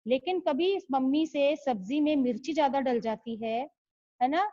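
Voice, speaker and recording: A woman's voice: high-pitched, normal speed, mellow. A woman teaching young children an online lesson, patiently explaining and often checking if they understand. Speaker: school teacher. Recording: slightly muffled lo-fi audio.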